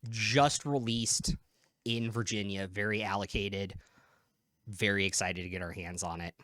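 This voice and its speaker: A man's voice: lowish voice, steady tone, measured pace, a bit bright, no echo, clean studio sound. A man in his thirties hosting a casual whiskey tasting, chatty and enthusiastic as he describes the flavors. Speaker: whiskey review host.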